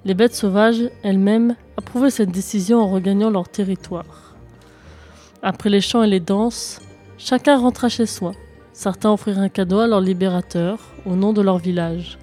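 A woman storyteller reading a folk tale aloud in a steady, expressive way. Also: mid-range voice, normal speed, faint music behind.

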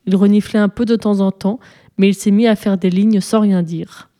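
Mellow woman reading a children's story. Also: mid-range voice, moderate pace. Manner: lively, plays the characters' voices.

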